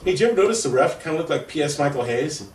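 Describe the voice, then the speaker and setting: A man with a slightly raised pitch gives casual, opinionated commentary as a wrestling show co-host, full of wisecracks. He sounds roomy and a little away from the mic. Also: expressive, very fast, darkish tone, slight background noise. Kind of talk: casual opinionated sports chat. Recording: echoey, distant microphone.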